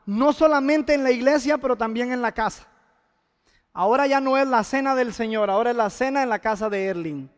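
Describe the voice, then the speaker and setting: A man's voice: very high-pitched, fairly quick, smooth, long reverb tail. A man preaching a sermon as pastor, speaking conversationally and addressing the congregation directly.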